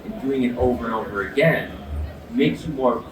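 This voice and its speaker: Echo, background noise and a distant microphone mark this clip of an ice bath demonstration. The presenter, an expert with sports medicine experience, speaks in a mid-range voice at normal speed, earnest and emphatic as he explains the product.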